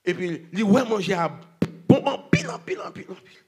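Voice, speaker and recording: A preacher with a high, bright voice delivers a sermon at a church convention. He swings from loud shouting down to hushed, quiet storytelling, calling back to the congregation. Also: huge pitch swings, fast talker, slightly rough, faint music behind.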